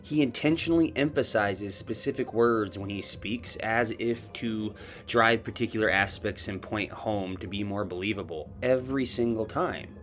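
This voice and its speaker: A man's voice: lowish voice, normal speed, hardly any pauses, fairly bright tone, soft background music. A man delivering scripted true crime commentary, pressing skeptical questions with pointed emphasis.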